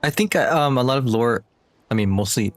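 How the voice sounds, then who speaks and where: Male game streamer, mid-pitched, casual and reactive, halting delivery, faint game music behind. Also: expressive. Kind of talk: casual playthrough commentary.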